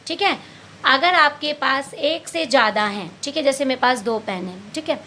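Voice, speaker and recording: High-pitched lady teacher going through a kids' worksheet, patient, calls the pupils beta, bit of hiss behind. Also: expressive, moderate pace, sharp tone. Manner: patient, asks questions then answers them herself. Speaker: primary school teacher. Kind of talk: online Hindi lesson.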